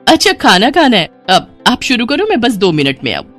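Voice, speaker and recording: A woman's voice: a little high, wildly swooping pitch, moderate pace, fairly bright tone, faint music behind, full character voice. A woman voicing a cheerful young daughter who loves drawing mehndi designs, speaking in a sweet, coaxing way.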